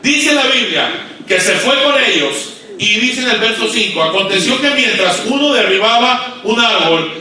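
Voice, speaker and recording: A man preaching a sermon to pastors, swinging between loud emphatic peaks and low quiet asides and asking the audience questions. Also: expressive, normal speed, few pauses, a crowd in the background. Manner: asks the audience questions and waits for replies. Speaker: guest pastor. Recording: echoey hall, voice far from mic.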